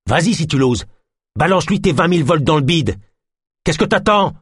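A man's voice: a little high, expressive, normal speed, husky, no echo, clean studio sound, voice pushed up. A man doing a snarling, vicious fugitive. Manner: snarling, shouted threats. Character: gaunt hostile male fugitive, vicious.

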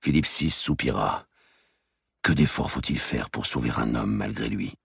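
Audiobook narrator, a man with an extremely deep husky voice, slow grave reading, dry close sound. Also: very animated, fairly bright tone, no room sound. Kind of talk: scripted narration of a historical novel.

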